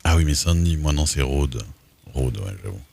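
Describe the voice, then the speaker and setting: A man's voice: extremely low pitch, lively intonation, moderate pace, creaky, dark tone. A man chatting casually while streaming a game, laid-back and hesitant, often stopping on fillers. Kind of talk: casual gameplay chat.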